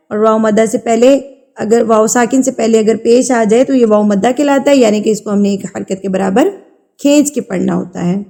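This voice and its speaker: A woman with a fairly high pitch and a warm tone teaches Quran recitation in a tajweed lesson. She recites verses in a slow, drawn-out chant, then gives quick explanations between them, patient and instructional, repeating key terms and the names of the rules.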